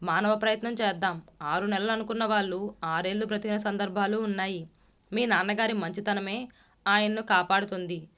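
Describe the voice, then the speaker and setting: A woman voicing a calm, measured male doctor in a read-aloud story. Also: mid-range voice, close to an everyday voice.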